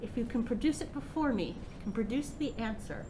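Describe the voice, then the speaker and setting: A woman's voice: on the high side, animated, a little fast, noisy background, lightly acted. A woman voicing a taunting, menacing old hag who poses riddles in a tabletop game. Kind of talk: tabletop game role-play.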